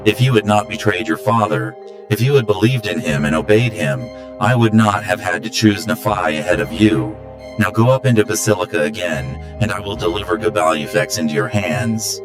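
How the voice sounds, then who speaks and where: A man's voice: low-pitched, animated, moderate pace. A man voicing an all-knowing machine spirit that speaks through a chair, mechanical and solemn. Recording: echoey voice over loud music.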